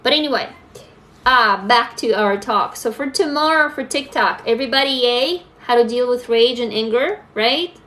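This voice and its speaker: A woman's voice: a little high, normal speed, a bit bright. Candid woman on a livestream. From Russia. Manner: candid, talks straight to viewers, reads comments aloud. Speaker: livestream host. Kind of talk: casual live-stream chat.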